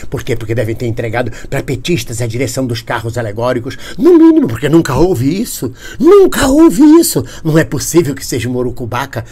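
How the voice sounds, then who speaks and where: A man playing a paranoid right-wing man in a satirical comedy monologue, husky, with a Brazilian Portuguese accent, alarmed and indignant, swinging from hushed whispers to high outbursts.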